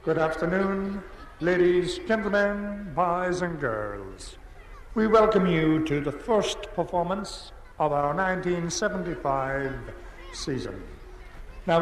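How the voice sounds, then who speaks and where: A man making a formal show announcement as a circus ringmaster. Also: fairly high pitch. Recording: echoey hall, faint noise.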